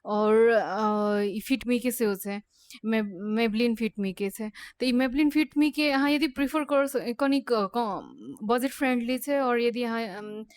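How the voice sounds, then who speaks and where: A woman's voice: fairly high pitch, no room sound. A woman who teaches makeup. She gives a beauty tutorial and hesitates often, mixing English phrases into her speech. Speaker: makeup instructor.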